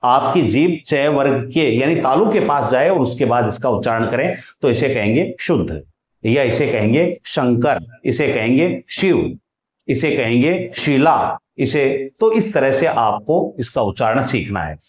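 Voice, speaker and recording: A man teaching a lesson on Hindi consonants, asking questions and repeating sounds slowly for his students. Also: medium pitch, expressive, reverberant. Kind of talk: explanatory grammar lesson.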